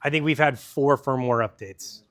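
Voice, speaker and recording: A man's voice: mid-range voice, moderate pace, a bit bright. A man presenting a product in a store demo, talking casually and explaining technical details to a crowd.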